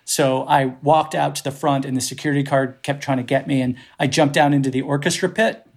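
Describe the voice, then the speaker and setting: A man's voice: medium pitch, fairly even intonation, brisk, gravelly. A middle-aged man from the Boston area, a podcast guest, telling rambling, profane, self-deprecating stories full of restarts. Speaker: podcast guest, festival producer. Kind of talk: casual storytelling conversation.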